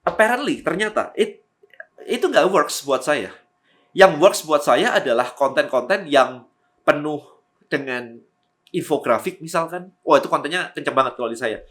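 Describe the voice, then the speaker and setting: A man talking quickly and energetically to camera, giving tips on making content. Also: a little high. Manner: fast-talking, lively, energetic. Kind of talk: energetic how-to talk to camera.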